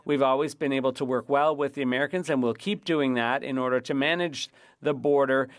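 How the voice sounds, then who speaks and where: A man interpreting formal parliamentary debate live, in somewhat halting phrases. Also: mid-range voice, fairly even intonation, no echo, studio quality.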